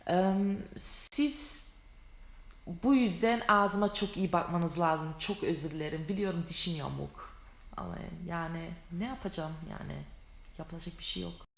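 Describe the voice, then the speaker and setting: A woman's voice: fairly low pitch, normal speed, creaky. A woman giving a casual vlog lesson on English pronunciation, chatty and self-deprecating, acting out sounds with exaggerated mouth shapes. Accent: non-native Turkish, foreign-tinged. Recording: echoey room.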